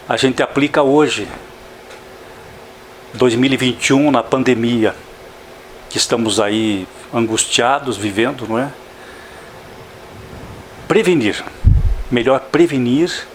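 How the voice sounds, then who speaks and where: A man past sixty, guest in a radio studio, recalling his life at an unhurried, deliberate pace. His voice sits at a middle pitch and keeps returning to little "não é?" tags. A soft air-conditioning hum runs under the recording. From Santa Catarina, southern Brazil. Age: older. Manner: slow, reflective, with frequent "não é?" tags. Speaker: radio interview guest, journalist. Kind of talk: radio interview.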